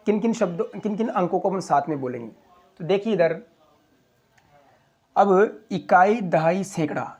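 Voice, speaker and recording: A man teaching a school maths lesson, walking through place values slowly, step by step. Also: high voice, a little mellow. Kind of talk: classroom explanation.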